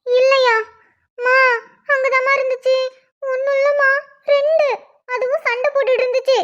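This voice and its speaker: A woman's voice: very high-pitched, flat delivery, normal speed, fairly bright tone, muffled recording. A woman voicing a fretful young woman who talks to herself in a cartoon.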